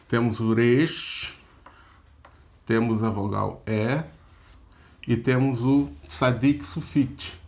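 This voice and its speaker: A middle-aged man teaches a grammar lesson at an unhurried, patient pace, breaking each point into small steps. His voice sits at an ordinary middle pitch, and he often stops to check that the listener is following. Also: creaky. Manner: patient, explains step by step, checks in with "ok?" and "tá?". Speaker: pastor teaching biblical Hebrew. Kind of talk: recorded online lesson.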